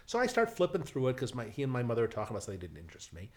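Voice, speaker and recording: A middle-aged man spins a casual anecdote as a television writer, in a medium-pitched voice. He tells it in a lively way, with many restarts and side remarks. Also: rapid-fire. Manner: lively storyteller, frequent restarts and asides.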